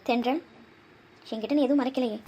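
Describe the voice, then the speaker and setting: Woman as watchful cartoon mom, firm and probing, fairly high voice. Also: steady tone, a little fast, warm tone, a little hiss or hum. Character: probing middle-aged mother, stern and watchful. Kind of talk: cartoon voice acting.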